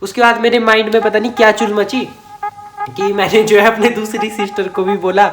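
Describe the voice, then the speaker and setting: High-voiced man telling a rambling story. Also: level tone, fairly quick, background noise. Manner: chatty, rambling, self-correcting, chuckles often. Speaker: vlogger. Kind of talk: casual storytime narration. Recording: echoey room.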